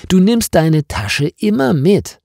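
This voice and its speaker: A man's voice: high voice, big pitch swings, takes it slowly, vocal fry, mellow, no room sound, studio quality, pitched above the performer's own voice, full character voice. A man reading a story voices a confused husband, asking surprised questions in a slightly raised voice. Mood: baffled. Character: baffled husband, calm but confused.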